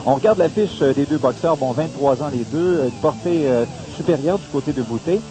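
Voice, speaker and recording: A man's voice: on the high side, a little fast. A man with a Quebec French accent giving conversational play-by-play boxing commentary. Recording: noisy broadcast with hiss.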